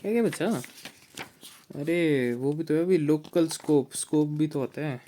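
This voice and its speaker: A man's voice: a little high, mellow, a little hiss or hum. Young male peer tutor, casual teasing study chat, tired voice. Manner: chatty, teasing, switches into slow halting reading of English text. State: sore throat, tired. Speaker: student tutoring a friend.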